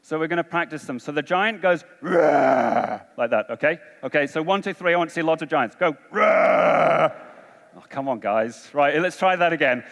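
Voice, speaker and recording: A man's voice: fairly high pitch, quick pace, few pauses, a bit bright. A man giving a conference talk, coaxing and rallying a large audience through a game. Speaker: conference speaker. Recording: long hall reverb.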